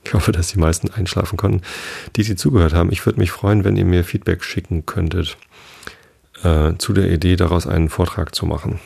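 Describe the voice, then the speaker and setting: A man's voice: low voice, steady tone, brisk, vocal fry, darkish tone, breathy edge. A man hosting a podcast, reading a story to help listeners sleep and then chatting hesitantly. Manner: hesitant with fillers in his own talk. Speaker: podcast host reading aloud. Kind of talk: bedtime story reading, then casual chat.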